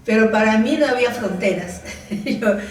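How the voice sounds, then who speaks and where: A woman's voice: fairly high pitch, normal speed. An older woman preaching a sermon in a church, often calling her listeners brothers and laughing between points. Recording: echoey church room, voice from the mic's distance.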